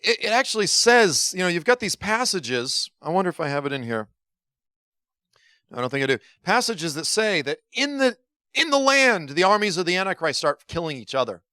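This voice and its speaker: A man leads a congregation through a conversational teaching talk, informal and fond of joking asides, often restarting his sentences. His voice is bright and notably crisp, sitting a little high for a man. The sound is dry, with almost no room reflection. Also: very animated, a little fast, no room sound. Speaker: guest Bible teacher.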